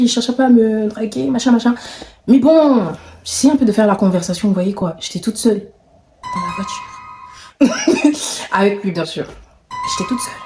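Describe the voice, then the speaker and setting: A young woman telling a storytime in casual chat, animated and slangy, shifting between loud exclamations and whispers. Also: a little high, echoey room. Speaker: vlogger.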